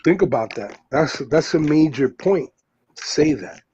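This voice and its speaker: A man's voice: a little high, animated, a little slow, dark tone, breathy edge, lo-fi sound. A man from the US Northeast, the host, talking loosely in casual chat, full of fillers and restarts. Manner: rambling, many fillers and restarts.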